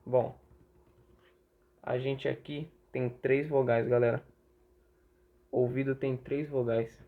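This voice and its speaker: A man's voice: medium pitch, level tone, slow. A young Brazilian man giving a casual online lesson, chatty, asking and answering his own questions. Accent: Brazilian Portuguese. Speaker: teacher. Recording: tinny phone-like audio.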